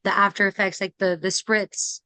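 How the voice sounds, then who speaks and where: A young woman from Massachusetts hosts a casual video call. Her voice is smooth and clean at a middle pitch, recorded dry and close. She talks in a relaxed way and peppers her sentences with "like.". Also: normal speed, no echo. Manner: relaxed, lots of "like" fillers. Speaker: host.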